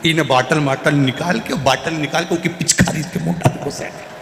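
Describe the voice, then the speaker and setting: A man giving an animated, humorous devotional sermon to a large gathering. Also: on the high side, fairly quick, vocal fry, background noise. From Sehore, central India. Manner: lively, animated, humorous storytelling. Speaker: kathavachak. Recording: echoey hall with faint music.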